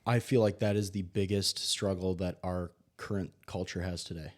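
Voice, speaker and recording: A man in his late twenties co-hosting a casual Bible discussion podcast, relaxed, with wry quips, often trailing off quietly. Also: deep voice, moderate pace. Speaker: co-host, host's son.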